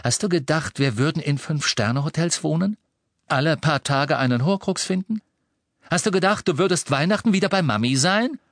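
A man's voice: mid-range voice, animated, normal speed, dry recording, voice pushed up, close to an everyday voice. Angry young man, cutting, controlled, a little raised, storybook role, as a man narrator reads him.

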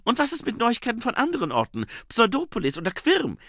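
Guy reading as a high-voiced pushy young woman, talks fast, storybook. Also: huge pitch swings, creaky, a bit bright, no room sound, studio quality, full character voice. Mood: eager. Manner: quick, pushy, high-pitched. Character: young woman, eager and businesslike.

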